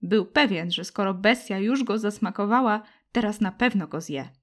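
A woman reading a children's story aloud with gentle, expressive narration. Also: medium pitch, normal speed. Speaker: audiobook narrator.

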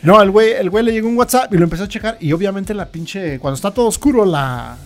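Fast-talking Mexican man, high voice. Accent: Mexican Spanish. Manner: profane, animated storytelling. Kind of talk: casual chat.

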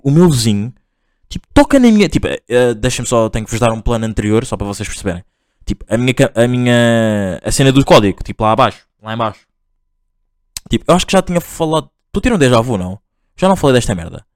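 A man's voice: mid-range voice, no room sound, clean studio sound. A young man from Portugal, rambling slangy and exasperated through a casual storytelling monologue to his listeners.

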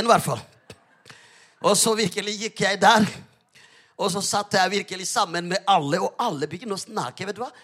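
A man pastor preaching a sermon, telling a story with lively, emphatic exclamations. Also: sits high.

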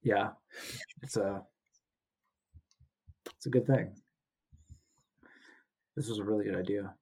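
A man from Canada hosts a podcast remotely from home, his throat sore, talking slowly in a lowish voice with vocal fry, a slightly mellow quality and a breathy edge. His intonation stays fairly even as he rambles, jokes and corrects himself in this casual chat, recorded on a home mic via video call.

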